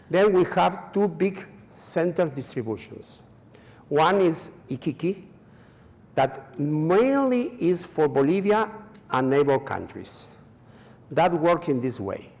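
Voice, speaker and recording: With a slightly high, darkish voice, a man from Chile gives a conference presentation, hesitating through non-native English with many fillers and repetitions. The long reverb of the conference hall colors the sound.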